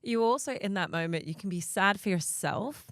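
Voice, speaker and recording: A woman's voice: medium pitch, expressive, normal speed, a bit bright, no room sound, clean studio sound. A woman hosting a conversational interview, thoughtful, with reflective and winding questions. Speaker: podcast host interviewing a guest.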